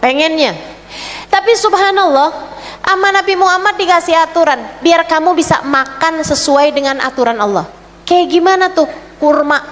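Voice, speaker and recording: A woman preacher giving an animated sermon to women, acting out her listeners' voices and gulping sounds for effect. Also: very high voice, moderate pace, big-room sound. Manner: animated, acts out the audience's voices and mimics gulping. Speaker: Islamic preacher. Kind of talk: lively sermon to a women's audience.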